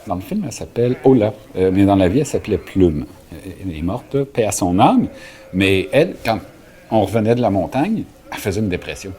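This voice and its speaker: A man's voice: lowish voice, very animated, a little fast, mellow. A man with a Québécois accent, a shepherd and writer telling stories casually with many fillers and restarts. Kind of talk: casual storytelling interview.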